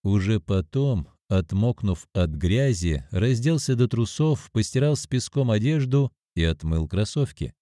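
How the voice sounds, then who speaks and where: Expressive male storyteller, warm voice. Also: lowish voice, a little slow, hardly any pauses, dry recording, clean studio sound. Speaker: narrator. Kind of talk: first-person audiobook narration.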